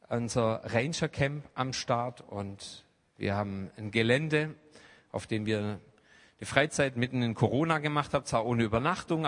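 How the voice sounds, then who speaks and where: A man preaching a sermon in a church hall, swinging between hushed asides and loud, emphatic outbursts. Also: mid-range voice. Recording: long hall reverb.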